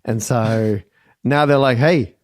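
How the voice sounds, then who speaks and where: A man hosting a podcast quiz game, with a wry, explanatory delivery. His voice sits at a middle pitch. The recording is dry and close. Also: lively intonation, moderate pace, a little mellow, no echo. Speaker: quiz host.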